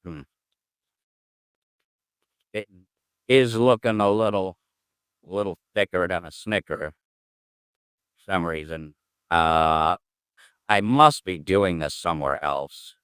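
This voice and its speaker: Streaming his coding work, a programmer casually talks himself through it, muttering, humming and trailing off, with long pauses and a slow pace. His voice is extremely deep, smooth and resonant, with a fairly bright tone. It's a dry, close recording without room echo.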